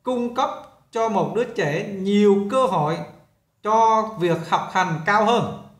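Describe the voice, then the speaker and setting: A man talks through a lesson as a teacher, in a chatty, repetitive way. His voice sits a little high for a man. The recording has a roomy echo around it. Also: slow. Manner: chatty, repeats himself while explaining. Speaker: English teacher. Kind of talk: casual classroom explanation.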